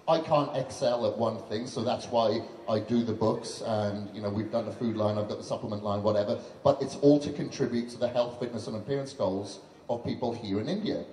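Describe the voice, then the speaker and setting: A man's voice: on the low side, brisk, dark tone. A man in his thirties, a fitness trainer, giving an earnest, chatty on-stage speech at a launch event into a handheld mic, with lots of "you know" fillers. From Western country. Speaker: fitness trainer and guest speaker. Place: large event hall on stage. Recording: roomy hall echo with faint background noise.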